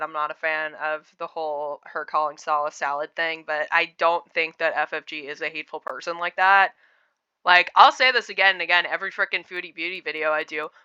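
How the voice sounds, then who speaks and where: A woman delivers casual reaction commentary in a bright, crisp voice. She rambles and digresses as she shares her opinions. The recording is dry and slightly dull, with a lo-fi quality. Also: fairly low pitch, no room sound.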